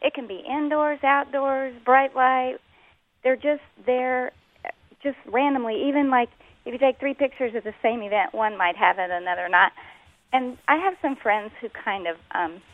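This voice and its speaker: Woman caller, high voice, hesitant, tinny phone line. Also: no room sound. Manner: hesitant, laughing, halting. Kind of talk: call-in question.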